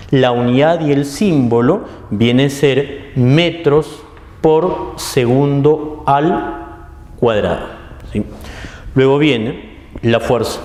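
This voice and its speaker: A man's voice: mid-range voice, dark tone. A man teaching a physics lesson, explaining step by step and often checking in with his listeners. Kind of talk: classroom lecture. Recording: echoey room with long reverb.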